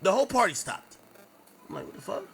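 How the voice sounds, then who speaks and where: A man's voice: high-pitched, fast talker, gravelly, a little hiss or hum, poor audio. A man on a stream telling a long story in a casual, profane way, acting out what people said. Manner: animated, profane, acts out quotes.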